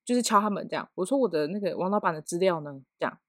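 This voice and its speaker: A woman's voice: on the low side, rapid-fire, dry recording, studio quality. A woman in her thirties with a Taiwanese Mandarin accent, telling an office story in casual chat and acting out scenes with sound effects. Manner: animated, acts out scenes with sound effects and laughter.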